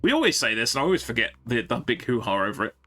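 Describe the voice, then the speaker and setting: Lively, bright-voiced man streaming a game. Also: mid-range voice, very fast. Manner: rambling and chatty, thinking aloud to viewers. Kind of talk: casual live-stream chat.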